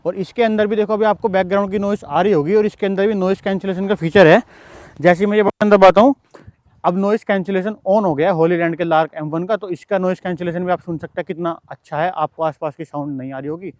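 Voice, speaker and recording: A man talks through a product demo at a quick clip in a slightly higher register, chatty and explaining every step as he goes. His voice is close and dry on a clip-on wireless mic. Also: steady tone, darkish tone, dry recording. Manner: chatty, explains step by step while handling gear. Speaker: tech reviewer vlogger.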